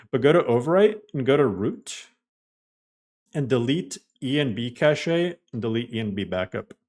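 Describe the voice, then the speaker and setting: This streamer has a mid-range, darkish voice. He chats loosely with his audience while gaming, breaking things down step by step and leaning heavily on "like" as a filler.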